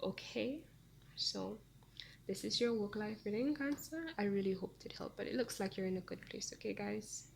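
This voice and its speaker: A woman's voice: medium pitch, normal speed, vocal fry, slight background noise. A woman giving a casual tarot reading to her viewers, talking in a chatty, meandering way with frequent ums. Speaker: tarot reader.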